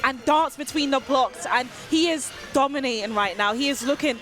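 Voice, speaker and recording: Enthusiastic British female caster, high voice, music underneath. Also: a bit bright. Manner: enthusiastic, quick to react. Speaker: esports commentator. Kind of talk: live tournament commentary.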